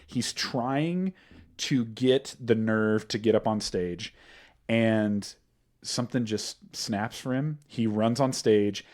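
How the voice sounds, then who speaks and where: A man hosting a podcast, retelling scenes in an animated way and laughing often. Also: lowish voice, slow. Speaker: podcast host. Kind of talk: casual recap chat.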